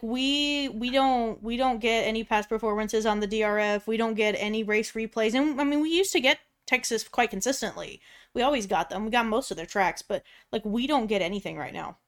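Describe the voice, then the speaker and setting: Smooth-voiced woman podcast co-host. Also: fairly high pitch. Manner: filler-heavy, laughs often. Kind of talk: casual podcast chat.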